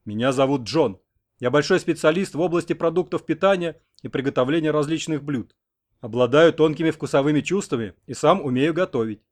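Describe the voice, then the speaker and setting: A man's voice: fairly high pitch, brisk, pitched above the performer's own voice, close to an everyday voice. A man doing a pompous gushing American man. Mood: boastful. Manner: effusive, flowery.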